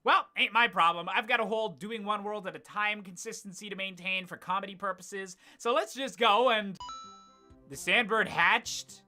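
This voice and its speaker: A man with a Canadian accent delivers scripted comedic narration over gameplay in a bright, forward voice. His sarcasm swings from deadpan asides to sudden loud outbursts. Faint game music plays under him. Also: high-pitched. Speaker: gaming comedy YouTuber.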